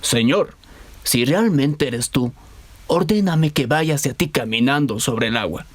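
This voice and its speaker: A man voicing a frightened grown fisherman in a children's Bible story, pleading slowly. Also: medium pitch, expressive, dry recording.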